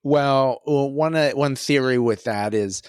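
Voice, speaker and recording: A man's voice: mid-range voice, measured pace, clean tone, no echo, studio quality. A man hosting a podcast, telling a story in a casual chat and laughing often. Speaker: podcast host.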